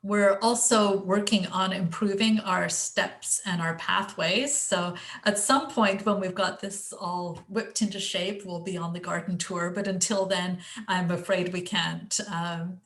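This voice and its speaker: An English woman chatting casually through a garden presentation on a video call, self-deprecating and full of fillers. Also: on the low side. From England. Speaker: guest speaker presenting her garden.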